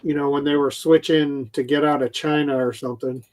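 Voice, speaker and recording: A man with a slightly high voice rambles through a story. He chats casually with friends on a live stream. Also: fairly even intonation, a little fast, a little mellow.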